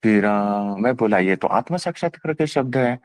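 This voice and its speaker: A man casually retelling a personal spiritual experience at a gathering, animated, quoting dialogue and laughing. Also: medium pitch, normal speed, no echo, studio quality. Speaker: devotee sharing a personal experience. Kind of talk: casual satsang storytelling.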